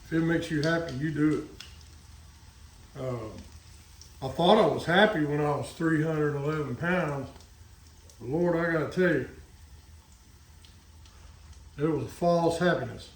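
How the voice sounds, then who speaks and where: Cooking in his kitchen, a man from Texas with a Texan accent makes folksy, casual chat peppered with asides for his cooking vlog. He speaks at a fairly high pitch, a little slowly, pausing often. The sound is echoey and off-mic, far from him, with frying audible behind.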